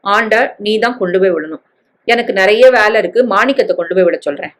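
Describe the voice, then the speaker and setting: A woman's voice: medium pitch, fast, fairly bright tone, natural voice. A woman voicing a firm, protective housekeeper who looks after a girl.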